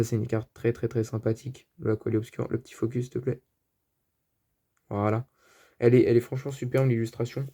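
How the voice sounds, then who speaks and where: With a mellow, mid-range voice and a French accent, a man shows off his card collection in a casual show-and-tell. His chat is loose and hesitant, packed with fillers.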